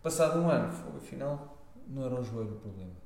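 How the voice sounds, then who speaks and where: A man's voice: mid-range voice, expressive, fast, creaky, darkish tone. A man with a European Portuguese accent explaining casually in conversation, often checking that he is understood. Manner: explanatory, seeks agreement with tag questions. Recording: very echoey room.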